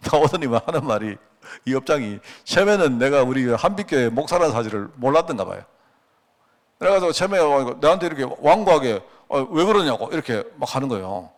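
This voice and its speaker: Animated Korean pastor preaching. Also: male voice, mid-range voice. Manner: conversational preaching with rhetorical questions and anecdotes; acts out quoted dialogue. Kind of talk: sermon at a Friday prayer meeting.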